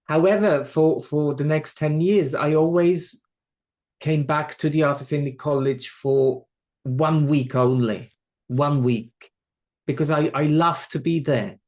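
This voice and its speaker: A man from Switzerland, with a Swiss accent and a somewhat high, slightly mellow voice, speaks unhurriedly. He is a medium being interviewed on a podcast, and he talks reflectively, often restarting and repeating words.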